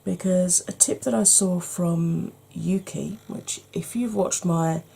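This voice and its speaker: A woman hoarse from hay fever talks her viewers through a makeup tutorial step by step, addressing them directly and saying "um" often. Her voice is lowish and warm, and she speaks at a slow pace.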